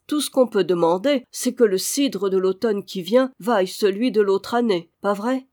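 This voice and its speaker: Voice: mid-range voice, moderate pace, a little mellow, natural voice. A reader voicing a dignified, stern old female housekeeper who smokes a pipe. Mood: stately. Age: over 60. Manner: dignified, authoritative.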